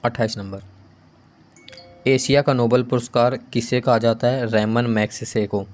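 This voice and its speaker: A man, teaching as an exam coaching teacher. He reads out each question, answers it, and adds quick asides to his students. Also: mid-range voice, steady tone, darkish tone. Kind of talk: quiz-style GK lesson.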